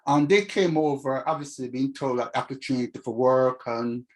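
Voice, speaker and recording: A man's voice: mid-range voice, normal speed. Older caribbean guy chatting in an interview, community activist type, thinking back as he talks. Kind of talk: reflective interview talk.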